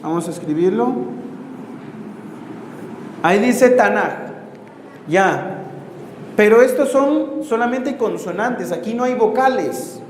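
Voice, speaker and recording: A man, a missionary priest, teaches a Bible course to a class. He asks rhetorical questions, corrects himself and pauses to write on the board. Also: high-pitched, lively intonation. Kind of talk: classroom lecture with questions to students. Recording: roomy hall reverb, faint background noise.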